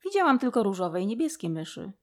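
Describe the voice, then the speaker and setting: A woman voicing a young female mouse who shouts and sobs in a storybook reading. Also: mid-range voice, big pitch swings, fast, lightly acted. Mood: confused. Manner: tearful, shouting. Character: young female pink mouse, upset and confused.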